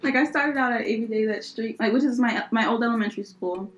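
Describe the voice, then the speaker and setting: A young woman from the US co-hosts a casual podcast, her slightly high voice rambling through fillers and breaking into frequent laughter. Faint music plays softly underneath. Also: fast talker, dull audio. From United States. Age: young adult. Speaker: podcast co-host. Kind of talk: casual chat.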